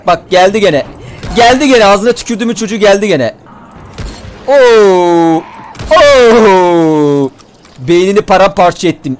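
A young man commenting on his gameplay, animated and swearing, talking straight to the enemies. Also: sits high, a little hiss or hum. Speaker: gameplay streamer.

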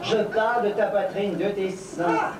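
A man's voice: high-pitched, measured pace, crowd noise. Fields: Sex: man. Style: camp drag cabaret comedy. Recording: echoey, far off. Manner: camp, bawdy, theatrical. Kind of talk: stage comedy sketch. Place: cabaret stage. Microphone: stand mic, filmed from afar. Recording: echoey far-off home video of a stage.

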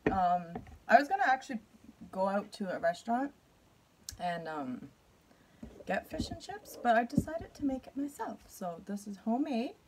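A woman's voice: medium pitch, background noise. A woman from Canada hosting a casual eating vlog at home, chatty and nervous, laughing between bites. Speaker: mukbang YouTuber.

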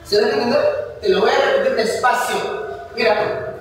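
A man's voice: very high-pitched, moderate pace, slight background noise. A man teaching a history class, asking rhetorical questions, answering them himself and repeating key points. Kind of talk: classroom lecture. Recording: echoey hall, voice from far off.

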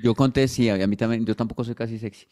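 A man's voice: medium pitch, fast. A man co-hosting a podcast, telling self-mocking stories in a casual chat. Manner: animated storyteller, self-mocking. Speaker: podcast co-host.

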